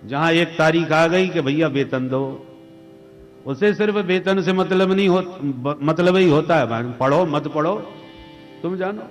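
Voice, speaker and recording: A man's voice: on the high side, a little slow. A man preaching a devotional story sermon, telling it dramatically and calling out to the audience. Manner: dramatic, animated storytelling with call and response. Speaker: katha preacher. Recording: echoey hall with music.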